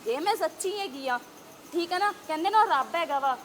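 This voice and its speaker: A young Punjabi woman with a Punjabi accent, giving an agitated interview to reporters and pressing one rapid rhetorical question after another. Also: very high-pitched, lively intonation, a bit bright, a little hiss or hum. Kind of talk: heated street interview.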